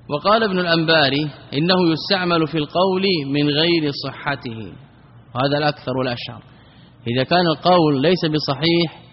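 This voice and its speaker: A man's voice: on the high side, a little hiss or hum. A man teaching classical Arabic grammar, repeating key terms and asking and answering his own questions. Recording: dull recording in a reverberant hall.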